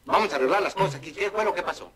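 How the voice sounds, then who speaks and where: A cheeky, boastful street talker, slightly high-voiced, rambling in muddled wordplay. An old TV studio audience laughs loudly behind him. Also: male voice, lively intonation, rapid-fire. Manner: rambling, wordplay-laden chatter. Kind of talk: vintage TV sketch comedy.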